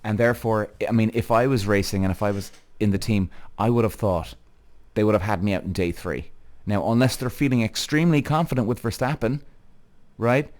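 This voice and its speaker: A man's voice: on the low side, brisk, a little mellow. This is a man with a Cork accent from the south of Ireland, talking as the host of a show. He gives casual motorsport commentary with emphatic, blunt opinions. His delivery is conversational and peppered with swearing. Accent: Cork Irish.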